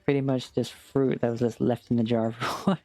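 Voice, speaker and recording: A man's voice: mid-range voice, flat delivery, fairly quick, dark tone. A man running a tabletop game as game master, narrating casually in a rambling, jokey way.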